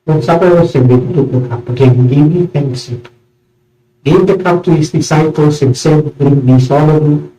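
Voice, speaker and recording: A man serving as priest, reciting a eucharistic prayer solemnly in measured, short phrases, in a large reverberant church. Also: fairly high pitch, mellow, soft background music. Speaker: priest celebrating communion. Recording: echoey church, distant mic, muffled sound.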